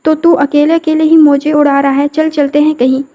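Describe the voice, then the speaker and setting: A woman's voice: high voice, flat delivery, mellow, close to an everyday voice. A woman reading the lines of an easygoing young male friend in a scripted audio novel, casual and teasing.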